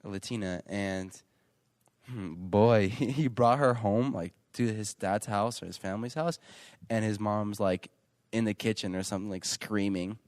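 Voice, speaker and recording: A man's voice: on the low side, normal speed, darkish tone, no room sound. A nineteen-year-old man co-hosting a podcast in casual chat, joking and rambling with lots of fillers and restarts. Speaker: podcast co-host.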